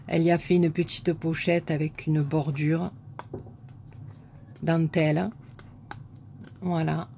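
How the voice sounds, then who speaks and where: A woman with a southern French accent, a scrapbooking vlogger softly admiring crafts one by one in a casual show-and-tell chat. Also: deep voice, flat delivery, slow pace, vocal fry, pauses often, a little hiss or hum.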